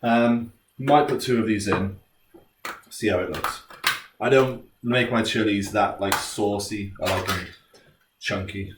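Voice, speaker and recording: A man's voice: lowish voice, measured pace. A British man presenting a recipe in a laid-back, jokey, chatty way, like a casual cooking tutorial. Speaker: home cook presenting a recipe. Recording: roomy, distant mic, faint noise.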